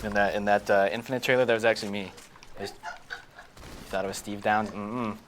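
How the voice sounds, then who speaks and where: A man chatting on a live gaming stream, playful and quick to laugh. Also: fairly low pitch, fairly even intonation, noisy background. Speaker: game developer on stream. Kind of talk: casual live-stream chat while gaming.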